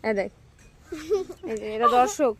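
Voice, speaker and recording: A woman's voice: on the high side, measured pace. A woman scolding and coaxing her child in repeated short phrases, talking casually outdoors by a street, recorded on a phone camera. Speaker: mother. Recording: loud street noise behind.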